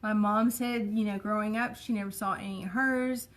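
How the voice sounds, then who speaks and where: A woman's voice: mid-range voice, steady tone, normal speed, a bit bright. A woman vlogger, chatting casually and rambling with many fillers and asides. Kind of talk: casual chat.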